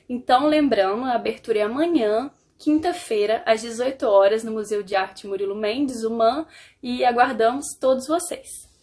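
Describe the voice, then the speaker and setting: A young woman speaking straight to a camera held close, delivering a prepared invitation in a steady, rehearsed manner. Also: on the high side. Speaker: comic artist, invited guest.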